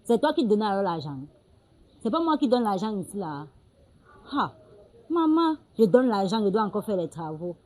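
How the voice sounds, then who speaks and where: A woman's voice: mid-range voice, sing-song, moderate pace, warm tone, rough recording. An actress playing a young adult daughter who brushes off her mother and talks back. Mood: grumbling. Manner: dismissive and talking back. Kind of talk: film drama acting.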